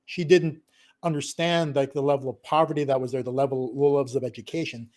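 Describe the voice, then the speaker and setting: A fast-talking digital marketing consultant, middle-aged and from a Filipino family, holds forth on a live business stream at a medium pitch. His delivery is animated and emphatic, full of laughter and tag questions like "right?" and "okay?"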